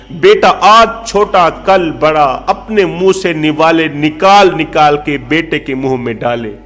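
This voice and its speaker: A grieving old father pleads tearfully for justice, as a preacher voices him. The voice sits high for a man and keeps circling back to the same phrases in sorrow. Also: a bit bright.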